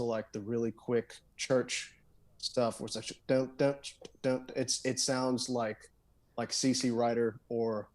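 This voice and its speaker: A mid-range, slightly mellow voice belongs to a guitarist and songwriter guesting on a podcast. His loose, wandering chat is casual, and he keeps restarting, dropping fillers and saying "dude."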